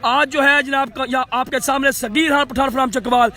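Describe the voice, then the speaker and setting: A man giving excitable live cricket commentary, repeating phrases, stretching out calls and dropping in English phrases. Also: very high-pitched, normal speed. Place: outdoors at a cricket ground. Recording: outdoor crowd and traffic noise.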